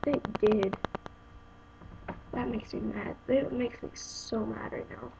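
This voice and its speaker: Young woman, casual unboxing vlog, raspy creaky voice, rambling and exasperated, dull lo-fi recording with hiss. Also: a little high, fairly even intonation, slow pace. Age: young adult. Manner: rambling, exasperated, talks straight to viewers. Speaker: vlogger reviewing a phone case. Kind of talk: casual unboxing review to camera. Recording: dull lo-fi home video with noise.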